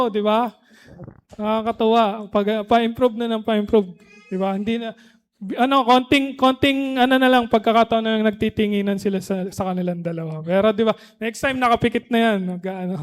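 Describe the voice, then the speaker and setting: High-voiced male pastor, chatty sermon. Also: normal speed, smooth. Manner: conversational preaching, frequent "di ba?" tag questions; switches between Tagalog and English mid-sentence.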